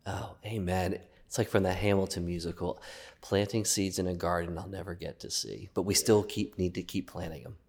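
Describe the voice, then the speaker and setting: A man's voice: sits low, moderate pace. A man hosting a podcast, speaking conversationally with devotional remarks. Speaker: podcast host.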